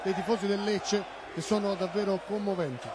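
High-voiced male co-commentator in noisy stadium. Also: steady tone, fairly quick. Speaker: football co-commentator. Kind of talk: live football colour commentary. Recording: stadium broadcast with loud crowd noise. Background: football stadium crowd.

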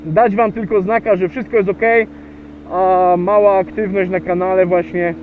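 Riding his motorcycle down an outdoor road, a motovlogger narrates a casual vlog in a high voice with fairly even intonation. He's chatty but hesitant, pausing a lot and plugging gaps with fillers. The helmet mic sounds thin and tinny, with faint wind and engine noise beneath.

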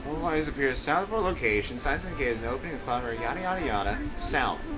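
A man's voice: mid-range voice, animated, fast talker, music in the background, rough recording. A man playing a video game and commenting casually and playfully as he goes. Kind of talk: casual let's play chat.

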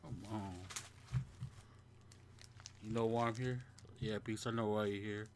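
A man's voice: lowish voice, level tone, measured pace, slight background noise. A man hosting a casual livestream, laid-back and greeting viewers by name. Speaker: channel host. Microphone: desk microphone.

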